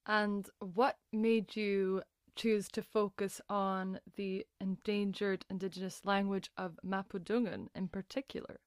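Smooth-voiced woman asking interview questions. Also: mid-range voice, little pitch movement, a little slow, few pauses, no room sound, clean studio sound. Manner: brief, polite questioning.

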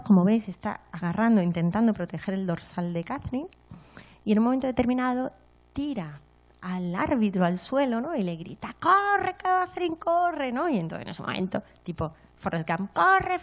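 A woman from giving a motivational talk to an audience, telling stories and often checking in with short tag questions. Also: medium pitch. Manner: storytelling, frequent tag questions, lively acted-out moments.

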